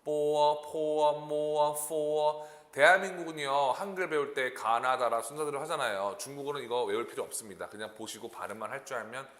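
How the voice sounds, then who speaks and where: A man giving an online language lesson, demonstrating tones aloud in a lively, teasing way. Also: medium pitch, fast, few pauses. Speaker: Chinese teacher. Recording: echoey room with long reverb.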